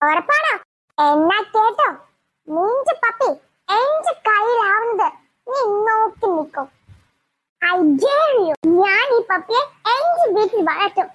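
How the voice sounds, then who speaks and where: A woman's voice: extremely high pitch, sing-song, slow pace, a bit bright, no room sound, exaggerated voice. A woman voicing a haughty, taunting rich girl in a cartoon, who mixes in English phrases. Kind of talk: cartoon voice acting.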